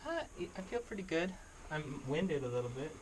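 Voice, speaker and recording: A man's voice: a little high, sing-song, moderate pace. A man making short, easygoing remarks in casual chat, recorded inside a cave. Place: inside a cave during a tour. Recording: noisy cave ambience. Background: cave ambience, dripping water.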